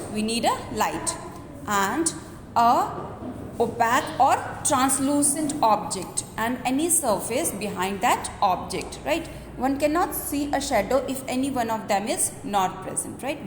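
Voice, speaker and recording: A woman giving an earnest school lecture, explaining step by step and checking in with students through questioning tags. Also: fairly high pitch. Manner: earnest, explanatory, often ending phrases with a questioning "right?". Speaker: school teacher. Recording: echoey reverberant room with background noise.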